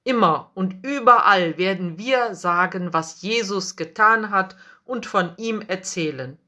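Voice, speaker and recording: A woman's voice: medium pitch, a little slow, bright, forceful tone. A woman voicing the apostle Peter as a bold, earnest man in a storybook reading, speaking firmly. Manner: firm, earnest declaring.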